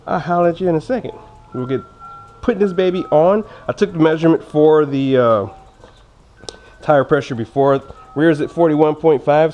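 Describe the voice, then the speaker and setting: Mellow and medium in pitch, this man's voice is slightly impeded because he wears braces. He's a motorcycle vlogger chatting through a casual gear unboxing, informal and jokey with self-teasing remarks, over clear background noise punctuated by clicks.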